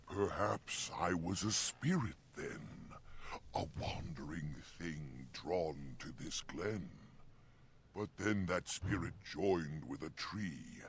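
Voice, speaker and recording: An actor playing an ancient, courteous talking oak tree in a fantasy game, speaking archaic rhyming couplets in a gravelly, theatrical voice. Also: male voice, low voice, slow, a little hiss or hum. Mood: solemn.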